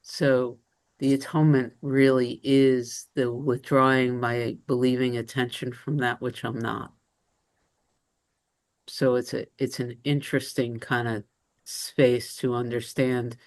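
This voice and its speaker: A woman taking part in a spiritual discussion group over a video call, earnest and thoughtful, searching for her words. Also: very deep voice. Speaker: group participant.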